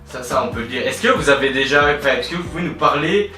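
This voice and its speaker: Dude playing a stammery polite interviewer, bright tone, echoey room. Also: male voice, mid-range voice, animated, fast talker. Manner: hesitant, stammering questions. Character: polite, hesitant male TV interviewer. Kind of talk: comedy sketch interview. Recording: roomy, distant mic, faint music.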